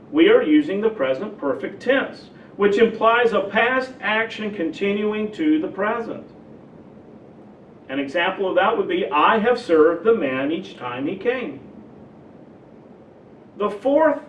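A man with a high voice preaches a teaching sermon, working through each example slowly and deliberately. He was recorded from a distance in an echoey church hall, so the sound is dull and faintly noisy. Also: fairly bright tone. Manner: slow, deliberate explaining with spoken examples. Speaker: pastor. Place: church sanctuary.

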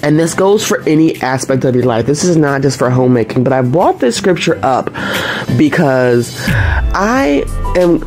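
A middle-aged woman talking earnestly about faith and homemaking, casual and a little preachy, recorded in her home kitchen on a camera across the room. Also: very deep voice. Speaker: homemaking vlogger. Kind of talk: casual faith talk while cooking. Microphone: fixed camera across the kitchen. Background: background music.

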